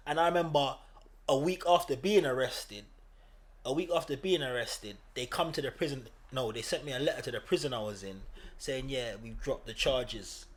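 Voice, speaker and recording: A young man with an East End London accent and a brisk, medium-pitched voice co-hosts a casual podcast. He tells stories in street slang and laughs often.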